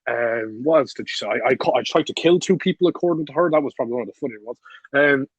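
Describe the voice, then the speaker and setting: A man's voice: medium pitch, fast talker, husky, no echo. A young man in his late teens, a podcast guest telling a story casually, blunt and profane, laughing as he talks. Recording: dull lo-fi, dry recording.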